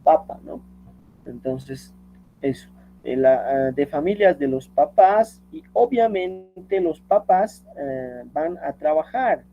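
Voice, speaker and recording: A man's voice: on the high side, expressive, slow, phone-quality sound. A man teaching a lesson, explaining step by step and reading quotes aloud, often checking with "¿no?". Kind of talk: screen-share tutorial lecture.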